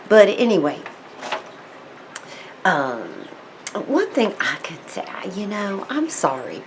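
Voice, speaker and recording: A woman's voice: fairly low pitch, slight background noise. A woman casually talking to camera as a tarot storyteller, rambling and digressive with many fillers and restarts, sometimes slipping into playful put-on accents. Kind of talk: casual rambling vlog talk.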